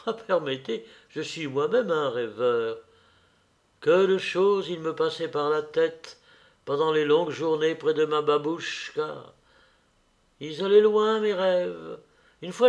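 A man reading aloud as a curious, lonely young woman in a story, slow and questioning, with a gravelly voice. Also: on the high side.

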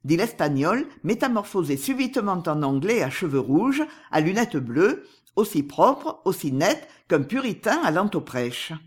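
A narrator giving a measured, expressive reading of a classic novel. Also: medium pitch, husky. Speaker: audiobook narrator.

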